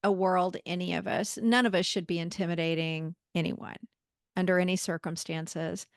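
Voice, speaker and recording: A woman's voice: on the low side, steady tone, normal speed, dry recording, clean studio sound. A woman hosting a podcast interview, affirming her guest in casual chat. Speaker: podcast host.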